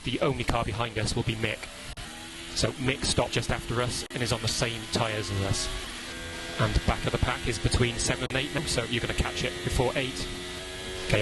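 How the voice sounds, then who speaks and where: A man working as a race engineer gives terse pit radio calls in a clipped, instructional, matter-of-fact way over team radio. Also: mid-range voice. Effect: team radio transmission. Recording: very noisy radio with engine noise.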